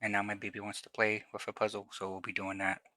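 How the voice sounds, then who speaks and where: Bright, sharp-voiced man with a lisp. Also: fairly low pitch, completely flat delivery, fast, rough recording. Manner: rambling, casual, swears freely. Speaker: streamer. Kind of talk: casual tech talk on stream. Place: home. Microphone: new desk microphone. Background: faint music.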